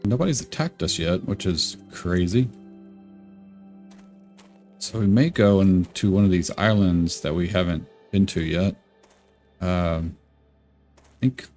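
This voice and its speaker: A man with a sick, rough voice, rambling casually and thinking aloud while he plays a game. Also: fairly low pitch, dark tone. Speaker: gaming YouTuber. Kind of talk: casual gameplay commentary. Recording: game music playing behind. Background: game music.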